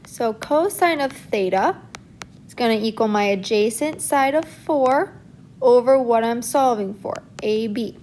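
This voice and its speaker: A woman's voice: a little high, animated, a little slow, darkish tone, slight background noise. A woman teacher working through a math problem in a recorded lesson, explaining each step steadily as she writes.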